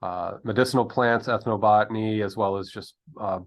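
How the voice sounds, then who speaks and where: A man's voice: on the low side, steady tone, normal speed, dull audio. A man hosting an interview, friendly and talking with many ums and uhs. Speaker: interview host. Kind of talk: casual interview talk.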